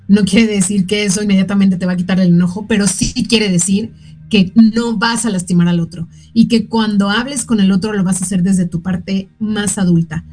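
A woman with a Mexican Spanish accent hosts a radio talk show giving parenting advice, chatting casually about emotions with frequent fillers and repeated words. Her mid-range voice is a little mellow, and the audio quality is poor.

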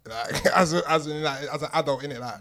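A man's voice: a little high, quick pace, crowd noise. A man in his twenties with a South London accent, telling stories casually on a group podcast with lots of slang, swearing and joking. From South London, England. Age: 20s. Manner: slangy, sweary, jokey storytelling. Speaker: podcast regular.

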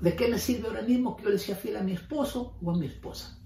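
A man's voice: high voice, fast talker, creaky, warm tone, a little hiss or hum. A man, a pastor, preaching a sermon with rhetorical questions and voices of imagined listeners. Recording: roomy sound from a distance off the mic.

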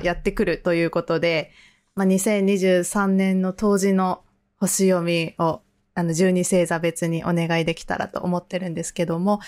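A woman yoga teacher hosting a podcast, chatty and friendly with light fillers. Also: lowish voice.

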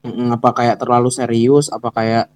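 A man's voice: mid-range voice, flat delivery, moderate pace, a little mellow, no echo. A man talks informally as a podcast co-host. The recording is dry, with no room sound. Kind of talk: casual chat.

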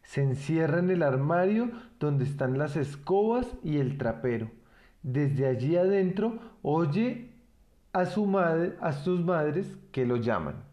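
A man reading a children's story aloud, expressive and gentle. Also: fairly high pitch, slow pace.

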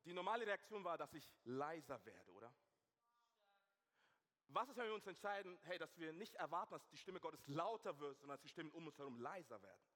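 A man preaching a sermon, shifting from hushed intensity to loud, animated storytelling. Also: on the high side, fairly quick. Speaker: pastor. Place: church hall. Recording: long church hall reverb.

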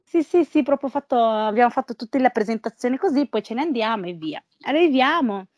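Young woman, highish voice, dry close sound, informal storyteller who acts out quotes. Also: lively intonation, brisk, a little mellow, no echo. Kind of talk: casual chat, group storytelling.

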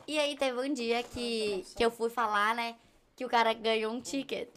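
A young woman talks as a guest on a casual podcast. Her voice sits a little high, and she tells her stories with animation, slipping into the voices of the people she quotes. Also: normal speed. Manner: animated storyteller, acts out quotes.

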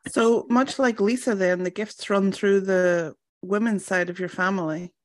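A woman hosts an interview in a conversational style. Her voice is mid-pitched for a woman, and she puts questions to guests and responds to their answers. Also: fairly even intonation, unhurried. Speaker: interview host.

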